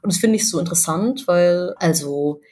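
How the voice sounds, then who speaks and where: A woman from southern Germany talks through her ideas on a casual games podcast. Her voice is a little low and husky, and she rambles along with plenty of fillers and slang. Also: normal speed, dark tone.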